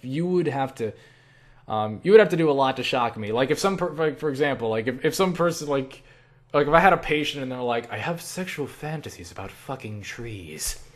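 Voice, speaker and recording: Brisk and medium-pitched, this young adult creator responds to his audience's questions with casual rambling and self-mockery. He livens it up with animated asides and acted-out quotes.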